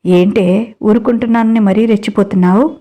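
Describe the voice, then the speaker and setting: A woman's voice: mid-range voice, fairly even intonation, a little fast, lightly acted. A woman voicing an abusive husband who threatens his wife. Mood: threatening. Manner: threatening, shouting. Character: bullying abusive husband, adult man.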